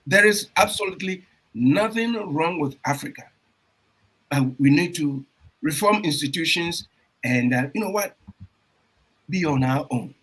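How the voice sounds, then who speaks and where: A man hosting an online radio talk show, speaking emphatically with repeated phrases and bursts of loud enthusiasm. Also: on the high side, animated, unhurried, pauses often, slightly rough. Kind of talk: energetic radio show intro and interview. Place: Toronto.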